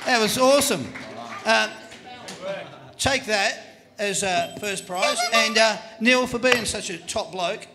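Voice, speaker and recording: An Australian man hosting a live quiz at a venue, energetic and joking as he hurries contestants along. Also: high-pitched, takes it slowly, over loud music. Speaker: quiz host on a live footy panel show.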